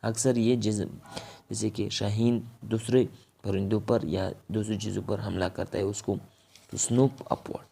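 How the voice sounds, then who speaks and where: A man's voice: fairly low pitch, fairly even intonation, vocal fry, warm tone, breathy edge. A man with a Pakistani accent teaching a vocabulary lesson. He says each word, then explains its meaning.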